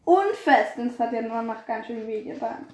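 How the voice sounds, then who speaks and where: High-voiced girl rambling in an echoey room. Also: expressive, normal speed. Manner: rambling, filler-heavy, giggly. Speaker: podcast co-host. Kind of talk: casual storytelling chat.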